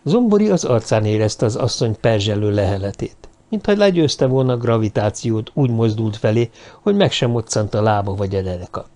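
Calm guy reading an audiobook, mellow voice, steady. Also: on the low side. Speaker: audiobook narrator. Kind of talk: scripted narration.

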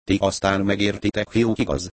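A man's voice: fairly low pitch, steady tone, a little hiss or hum, pitched above the performer's own voice, lightly acted. A man reading aloud and voicing a remorseful middle-aged gang boss who talks in a grave, pompous way. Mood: grieving.

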